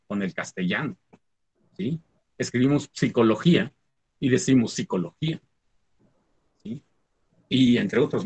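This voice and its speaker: Husky man explaining Nahuatl words. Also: medium pitch, darkish tone. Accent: Mexican Spanish. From Huasteca region of Mexico. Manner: explanatory, often checks understanding with "¿sí?". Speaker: Nahuatl language teacher. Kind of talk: conversational talk on language teaching.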